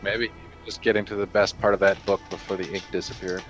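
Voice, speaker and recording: A man's voice: low-pitched, flat delivery, fairly quick. A man acting as game master, patiently explaining the rules and narrating the fight with vivid flair. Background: soft background music.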